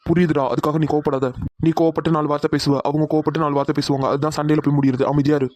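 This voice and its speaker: A man voicing a calm, peacemaking young friend. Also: a little high, very fast, no room sound, natural voice. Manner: soothing, reasoning. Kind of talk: cartoon voice acting.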